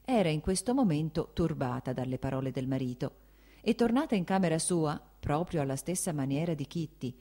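A woman narrating a classic novel as an audiobook, in a measured storytelling manner. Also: sits low, animated, dark tone.

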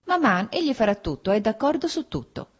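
A woman reading the part of a spirited young married woman, quick and a little irritable. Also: fairly low pitch, darkish tone, natural voice.

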